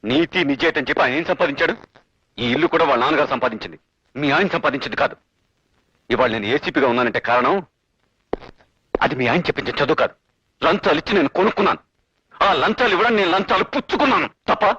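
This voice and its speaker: An actor playing a corrupt police officer who defends himself defiantly, heard as dull film audio. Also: male voice, on the high side, lively intonation, fast, pauses often, sharp tone, breathy edge, dry recording, exaggerated voice. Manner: defiant, justifying.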